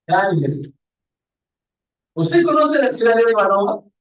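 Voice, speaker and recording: A man voicing a shrewd, talkative male police investigator who keeps urging the other to calm down. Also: very high voice, takes it slowly, exaggerated voice. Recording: echoey room.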